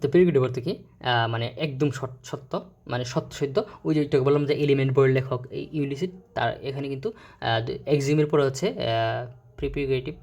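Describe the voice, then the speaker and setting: A man speaks, teaching word meanings in a relaxed, conversational way. He keeps stopping for fillers and corrections, then spells words out slowly before moving on. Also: mid-range voice, vocal fry. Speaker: vocabulary teacher. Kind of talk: casual explanatory lesson.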